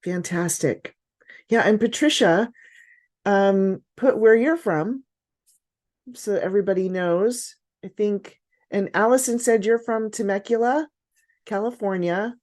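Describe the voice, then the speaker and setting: Woman business coach in her fifties leading an online workshop, warm mellow tone, encouraging. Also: mid-range voice, unhurried. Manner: upbeat, encouraging, frequent praise. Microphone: video call.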